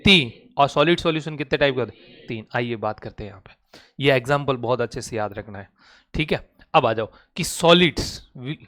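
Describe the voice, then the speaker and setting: A man with a high-pitched voice teaching a class. He keeps quizzing his students with short, repeated questions. He nudges them along in a friendly, pressing way until they answer. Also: a bit bright. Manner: drills students with rapid questions; coaxing, calls students "beta". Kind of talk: classroom lecture.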